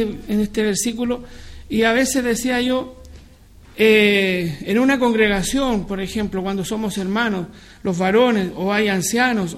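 A man preaching a church sermon, slow and searching, with frequent restarts and pauses while explaining scripture. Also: sits high.

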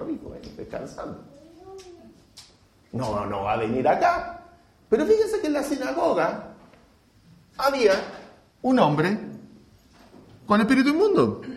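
Dramatic male preacher with soaring pitch. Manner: dramatic, slow, full of rhetorical questions. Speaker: pastor. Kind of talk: sermon. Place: church hall. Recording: roomy church echo.

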